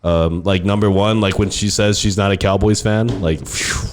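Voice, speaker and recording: A man with an American accent and a low voice hosts a casual podcast. He banters loosely with his co-hosts and swears freely as he moves things along. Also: steady tone, normal speed, slight background noise. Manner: profane, bantering. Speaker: podcast host.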